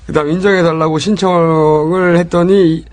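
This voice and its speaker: A man's voice: on the high side, fairly even intonation, normal speed, darkish tone, no echo. A man hosting a political comedy podcast, talking in a casual, joking and teasing way. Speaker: podcast host.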